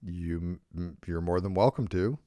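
A man's voice: sits low, normal speed, dark tone, no room sound, studio quality. A tipsy man co-hosting a podcast, rambling and stammering in casual chat and swearing a lot. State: tipsy from whiskey. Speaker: podcast co-host.

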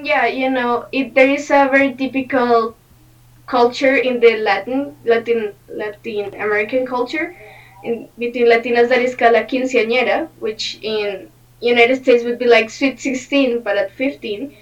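A woman's voice: a little high, fairly even intonation, normal speed. Teenage Colombian-accented girl, distant and muffled. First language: Spanish. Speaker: podcast guest. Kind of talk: casual interview answers. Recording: dull lo-fi, distant microphone.

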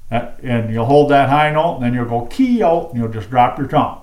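A man's voice: medium pitch, brisk, echoey room, heavy background noise. Folksy man explaining turkey calls. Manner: folksy, demonstrates calls with his mouth. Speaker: turkey calling expert. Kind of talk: casual instructional chat.

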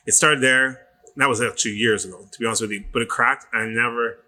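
Bright-voiced, swearing middle-aged man. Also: medium pitch, fast. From Canada. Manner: profane, animated storyteller. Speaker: personal trainer guest. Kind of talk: casual podcast storytelling.

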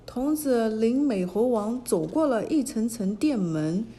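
A woman narrating a classic myth for children in an expressive storybook manner. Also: a little high, unhurried.

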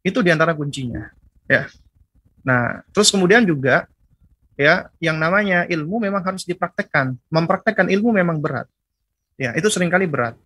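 Male Islamic teacher lecturing on parenting; measured delivery, fairly high pitch, tense and forceful voice. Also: husky, no room sound. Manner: measured, tags phrases with frequent "ya".

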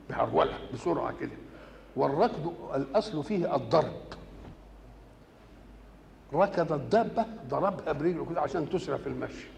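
A man with an Egyptian accent giving a Quran commentary lesson. He recites verses slowly and keeps asking rhetorical questions, then answers them himself. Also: a little high, vocal fry, a little mellow, in a large hall, a little hiss or hum. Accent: Egyptian Arabic.

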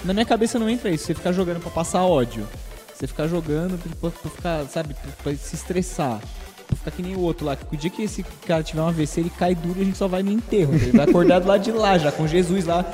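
Man, fast animated banter, slightly high voice, music faintly behind. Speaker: podcast co-host. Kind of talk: casual podcast chat.

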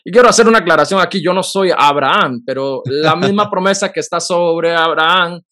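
An earnest man. He tells a personal faith story in conversation, and his voice sits a little high. He talks with feeling, in quick bursts. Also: pushed and bright. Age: 30s. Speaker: podcast host.

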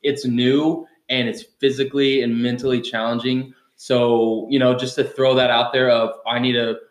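A man's voice: medium pitch, level tone, moderate pace. Upbeat man hosting in an echoey room. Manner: upbeat, loose, many fillers and restarts. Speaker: podcast host and CrossFit coach. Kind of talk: casual podcast chat.

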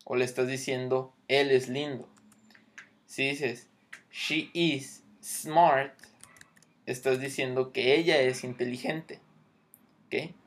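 A man's voice: mid-range voice, level tone, measured pace. A man teaching English grammar, explaining patiently and checking in often.

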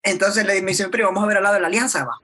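A man's voice: high-pitched, steady tone, very fast, sharp tone, slightly rough. A young man with a Salvadoran accent telling a rambling story in slangy casual chat, dropping "maje" constantly.

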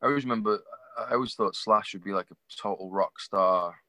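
A man's voice: lowish voice, a little fast, pushed and bright, dry recording. A man, chatting casually and telling stories on a video call, swearing freely. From England. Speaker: show promoter on a video call. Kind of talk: casual chat.

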